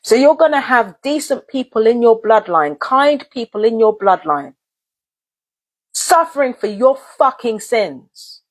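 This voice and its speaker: A woman's voice: on the high side, animated, a little slow. A woman vlogger delivering a heated, profane rant straight to her viewers, repeating herself and swearing often. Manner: angry, profane, repetitive. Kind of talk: heated direct-to-camera rant.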